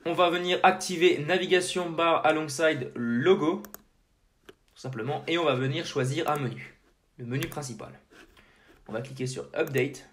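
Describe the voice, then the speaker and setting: A man hosting a screen-recorded software tutorial, talking casually to the viewer with many fillers and restarts. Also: fairly high pitch, normal speed, slight background noise. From French-speaking. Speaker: tutorial host.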